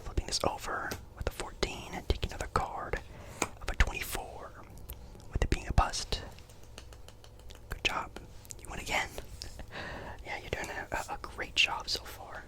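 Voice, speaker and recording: A man plays a friendly, apologetic casino dealer in a whispered ASMR roleplay, breathy and talkative. His reassurances are polite and hesitant, delivered at a moderate pace with a sharp tone.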